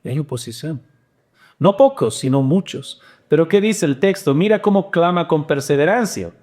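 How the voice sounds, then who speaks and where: A man preaching a sermon as pastor, animated, with wide swings in pitch and loudness. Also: normal speed.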